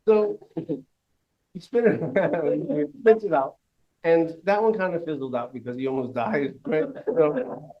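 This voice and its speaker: A man telling a crude story on stage, profane and animated, laughing as he goes. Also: on the high side, dull audio. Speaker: live storyteller. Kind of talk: live storytelling.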